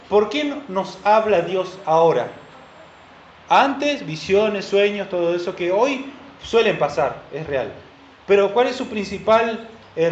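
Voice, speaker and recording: A man preaching a sermon as pastor, animated and asking the congregation questions. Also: high voice, a little hiss or hum. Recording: dull lo-fi recording in a roomy hall.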